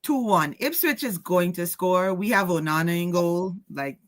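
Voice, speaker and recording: A woman's voice: fairly low pitch, expressive, normal speed. A woman football fan on a panel, chatting casually with slangy banter. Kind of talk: casual chat.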